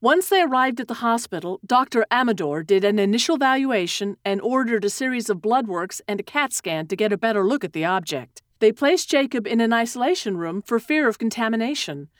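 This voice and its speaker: A woman narrating a story in a steady, expressive reading that slows at tense moments. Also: on the high side, no echo, studio quality.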